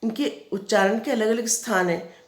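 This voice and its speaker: A woman teacher with a Rajasthani Hindi accent explains grammar patiently to young children, often pausing to check they follow. Her voice has a middling pitch and carries an echo from the room around her. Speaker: school teacher. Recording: echoey room.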